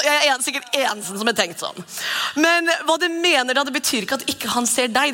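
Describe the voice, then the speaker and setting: A woman in her thirties giving a casual, expressive devotional talk as a podcast host. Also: sits high, big-room sound. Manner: chatty and expressive, acts out quoted voices.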